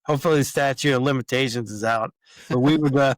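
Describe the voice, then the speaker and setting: Easygoing man from Jamaica, smooth voice. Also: mid-range voice, quick pace, no room sound. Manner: easygoing, hesitant with many fillers. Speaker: guest, yacht captain. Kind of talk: casual interview chat.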